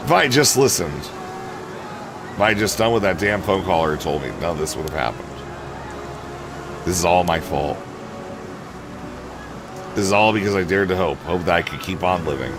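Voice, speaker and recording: A man reading out the lines of a frightened young woman caught in a curse on an island, in his own plain voice over game music. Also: low-pitched. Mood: despairing. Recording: game music playing behind.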